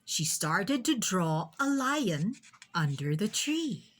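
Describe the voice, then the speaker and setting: Reading a picture book for children, a woman at medium pitch narrates expressively and deliberately, like a practiced storyteller.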